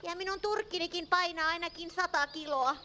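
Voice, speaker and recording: A woman voicing an excitable, fretful little sheep in a church puppet show, full of small cries. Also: very high voice, a little hiss or hum. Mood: grateful. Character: anxious clumsy little lost sheep, female. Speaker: puppet character.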